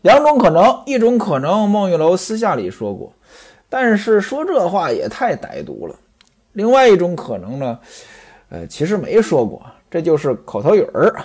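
A man's voice: sits high, huge pitch swings, moderate pace, darkish tone, slightly rough. A man retelling a classic novel as a storytelling lecture, with chatty, explaining asides. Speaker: storyteller and commentator.

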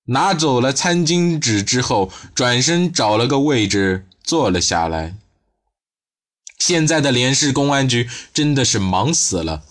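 A man reads a crime novel aloud at a steady pace. His pitch sits in an ordinary middle register. The delivery is even and unhurried. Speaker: audiobook narrator. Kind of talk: scripted narration.

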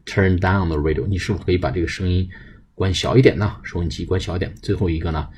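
A man with a Chinese accent teaching an English lesson, mixing Mandarin explanations with slow, spelled-out English example phrases. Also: low-pitched, fairly even intonation, a little mellow, a little hiss or hum.

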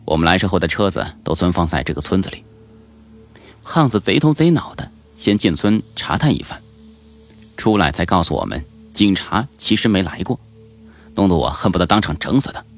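A man narrating a novel in a colloquial, lively storytelling manner. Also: deep voice. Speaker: audiobook narrator.

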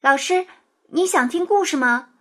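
A woman voicing an earnest little schoolgirl in a children's storybook, with a high, pleading child's voice. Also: moderate pace, pushed and bright. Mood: eager. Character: little girl pupil, earnest and plaintive.

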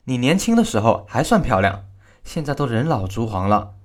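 A proud general's daughter speaks with cold scorn in a told story, voiced by a man. Her lines rise and fall in a lively way at an ordinary pitch. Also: fairly quick. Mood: scornful. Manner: cold, taunting delivery. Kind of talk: storytelling narration.

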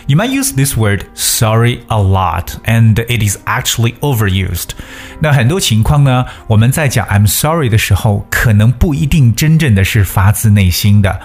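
A man with a fairly low voice teaches English phrases in a patient, explaining way. He repeats each phrase slowly so learners can practice it. Faint guitar music plays underneath. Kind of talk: bilingual English lesson.

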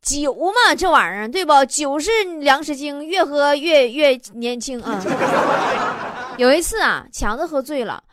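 Host, woman, bright and playful, reads jokes and laughs along. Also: high voice, lively intonation, moderate pace, few pauses, a little hiss or hum. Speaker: joke show host. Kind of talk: comedic joke reading.

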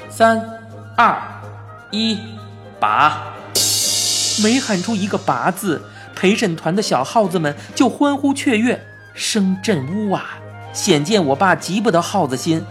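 A woman with a Beijing accent narrating a children's story in an expressive, lively way. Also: mid-range voice. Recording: faint background music.

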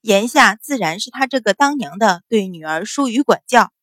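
A woman reading a period novel aloud as a storyteller, giving the quoted characters a raised, forceful voice. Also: fairly high pitch, lively intonation, moderate pace, no echo. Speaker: audiobook narrator.

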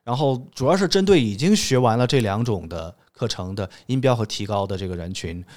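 A man's voice: lowish voice, lively intonation, a little fast, a little mellow. A man who teaches English pronunciation, a guest on an interview podcast, explaining his courses patiently and methodically.

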